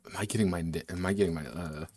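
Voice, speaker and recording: A man's voice: low-pitched, fast talker, a little mellow, soft background music. A man who designs games, chatting casually on a livestream at his desk, wandering between asides and restarting his sentences. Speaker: game designer streaming a workshop.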